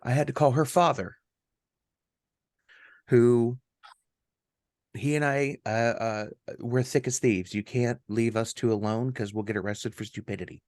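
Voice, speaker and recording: A middle-aged man, a podcast co-host, telling a personal story in a halting way with many ums and restarts. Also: medium pitch, steady tone, darkish tone, no echo, clean studio sound.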